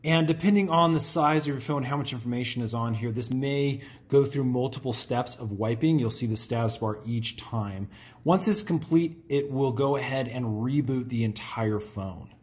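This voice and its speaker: A man with a mid-pitched, everyday voice talks a viewer through a phone setup. He is friendly and explains each step plainly. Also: normal speed, darkish tone. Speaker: tech tutorial host. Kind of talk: hands-on phone tutorial.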